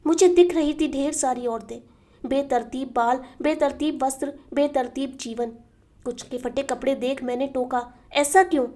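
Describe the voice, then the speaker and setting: A woman storyteller reading a literary short story aloud, soft and sorrowful with dramatic pauses. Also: sits high, fairly even intonation. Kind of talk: emotional literary narration.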